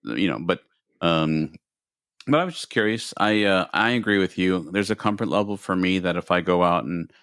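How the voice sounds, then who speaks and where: A man's voice: deep voice, moderate pace, a bit bright, clean tone, no room sound, studio quality. A man co-hosting a podcast, chatting casually in a rambling way and repeating words as he thinks. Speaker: podcast co-host. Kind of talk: casual chat.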